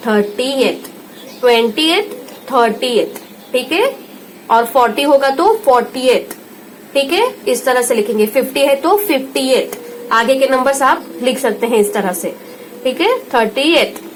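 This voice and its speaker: An Indian woman tutor giving a home lesson, slowly repeating each word and checking in with her listener. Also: sits high, lively intonation, a little hiss or hum, low-quality recording. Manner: slow patient repetition, checks in with "theek hai".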